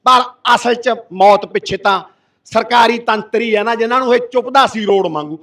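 A man's voice: very high-pitched, moderate pace. A middle-aged man with a Punjabi accent, an activist giving a fiery, impassioned speech at a village protest sit-in. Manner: impassioned, forceful, roaring. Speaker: activist addressing a protest gathering. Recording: voice from far off the mic.

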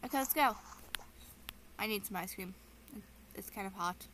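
A woman channel host voices her own character in a game roleplay, talking casually in a chatty, rambling way with plenty of ums. Her voice is medium-pitched at a moderate pace, with background noise.

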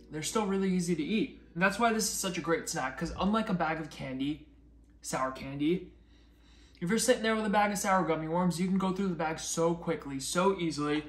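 A young man chatting upbeat to camera as a food vlogger, talking while he chews. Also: fairly high pitch. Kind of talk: casual chat to camera. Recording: echoey room with faint music.

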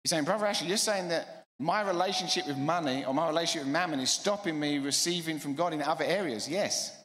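A middle-aged man preaches with emphatic, rapid-fire energy, stacking repeated phrases. His voice sits a touch high. It rings through a roomy church hall with a long tail of reverb. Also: fairly bright tone. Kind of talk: sermon.

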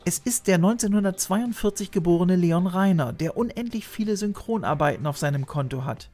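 Here a man in his thirties, host of a retro TV channel, speaks in a high-pitched, somewhat mellow voice. He narrates scripted material about voice actors, keeping it informative while adding playful, conversational asides. A studio microphone on a boom arm captures him in a small room stacked with shelves of videos and toys.

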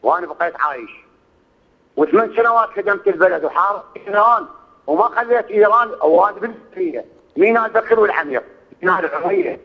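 He is a man in his sixties from Iraq, calling a radio show by phone to plead about his hardship with an Iraqi Arabic accent. His high voice talks fast with lively intonation, and he swears oaths and repeats himself, heard in phone-quality sound.

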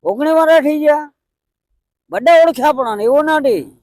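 Halting, high-voiced elderly man. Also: lively intonation, a little mellow, no room sound. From Pavagadh, Gujarat. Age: older. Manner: halting, repetitive, plaintive. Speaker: interviewee. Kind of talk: emotional conversational interview. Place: outdoors by a roadside hut.

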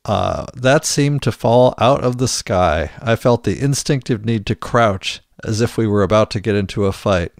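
Podcast co-host, man, deep-ish, halting casual delivery with fillers. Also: dry recording, clean studio sound. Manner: hesitant, many restarts and fillers. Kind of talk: casual chat, reading book excerpts aloud.

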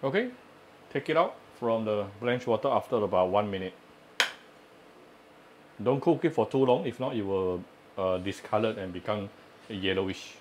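Man, fairly low voice, casual home cooking host, chatty, hesitant fillers, faint pan clatter. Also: expressive, normal speed, pauses often, darkish tone, slight background noise. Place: home kitchen at the stove.

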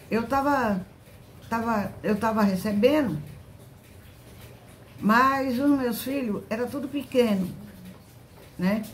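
An older woman giving an emotional, halting religious testimony to her congregation, often repeating herself. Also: fairly high pitch, a little hiss or hum. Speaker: church member giving testimony.

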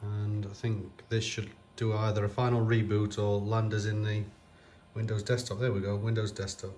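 A man's voice: on the low side, little pitch movement, normal speed, darkish tone, a little hiss or hum. A man talking off camera while he works on an old computer, hesitant and full of fillers. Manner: hesitant, many fillers, thinking aloud. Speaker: computer restoration vlogger. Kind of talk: casual off-camera commentary.

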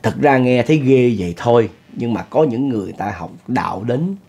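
A man's voice: mid-range voice, expressive, fairly quick, dark tone, husky. A middle-aged man with a Southern Vietnamese accent, hosting and telling a spoken ghost story in a chatty way, talking to his listeners. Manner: chatty, addresses listeners, chuckles often. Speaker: storyteller host.

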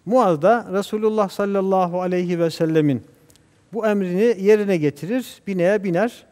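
A man speaking as a guest scholar on a religious TV program, talking in a measured, preacher-like way and reciting Arabic verses. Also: sits high, darkish tone, long reverb tail. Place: TV studio.

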